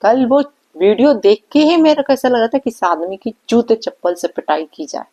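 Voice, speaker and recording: A woman's voice: fairly high pitch, big pitch swings, normal speed, dark tone, dull audio. A woman vlogger giving a reaction commentary, scolding and indignant, firing off rhetorical questions. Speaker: vlogger reacting to online drama.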